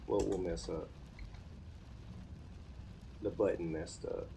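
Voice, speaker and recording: An American man in his thirties, a live streamer learning web development, chats casually and thinks aloud as he works. His voice sits low, with a steady, warm, gravelly tone and a slow pace, and there's a little hiss or hum on the recording.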